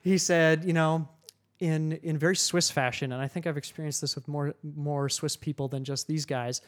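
Animated male podcast storyteller. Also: a little high, normal speed. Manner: animated, loud bursts when quoting himself. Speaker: podcast host telling a story. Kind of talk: animated storytelling to a live audience. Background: audience laughter.

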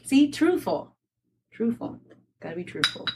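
A woman's voice: fairly high pitch, big pitch swings, a little slow. A woman in casual chat, playful and laughing often, with lots of fillers. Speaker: co-host of a drinking game chat. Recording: far from the mic with faint noise.

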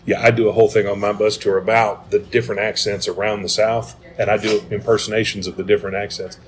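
A man's voice: fairly low pitch, level tone, fast talker. A man hosting a podcast in casual chat, telling stories and laughing often. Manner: laughing storyteller. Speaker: podcast host.

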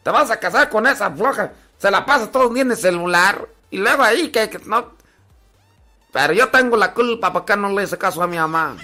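Dude playing a bossy husband yelling for the towel, loud and bright, nagging nonstop. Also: male voice, sits high, expressive, brisk, faint music behind. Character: bossy, impatient married husband, grumbling.

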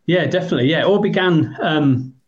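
A man's voice: a little high, quick pace, lo-fi sound. A man in his fifties with an English accent, telling long rambling stories as a podcast guest, with many hesitant ums. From England. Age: 50s. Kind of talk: storytelling in a podcast interview.

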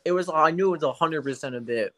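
A man's voice: a little high, fast, a bit bright. A man co-hosting a casual gaming chat, joking and crude, often laughing. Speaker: podcast co-host.

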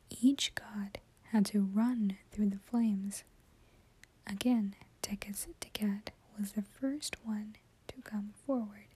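Slow, breathy whispering woman. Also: mid-range voice, poor audio. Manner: soft whisper throughout. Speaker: channel host reading a story. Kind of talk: whispered ASMR story reading.

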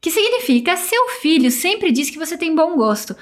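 A woman teaching a language, modelling short phrases slowly for listeners to repeat. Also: very high-pitched, sing-song. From Brazil. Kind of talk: guided pronunciation drill.

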